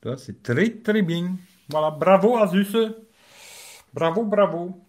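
A man's voice: sits high, slow pace. A man hosting a casual live stream as a tech reviewer. He talks in slangy, rambling French and keeps adding "tu vois".

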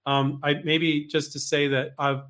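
A man's voice: on the high side, flat delivery, a little slow, fairly bright tone. Blunt, chatty male advice coach. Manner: frank and blunt, with mild swearing; chatty, with many restarts and asides. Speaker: invention licensing coach. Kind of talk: casual advice talk.

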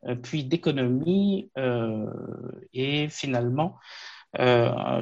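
A gravelly-voiced man in his late thirties, from Afghanistan, speaks as an interview guest. He talks haltingly, full of pauses, fillers and restarts. The audio is dull and lo-fi. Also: medium pitch. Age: late 30s. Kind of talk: conversational interview.

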